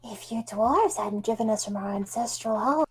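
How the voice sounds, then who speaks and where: A woman voicing a calm, reasonable male shadow creature in a game, speaking lower and quieter than her own voice. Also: normal speed, breathy edge. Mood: solemn.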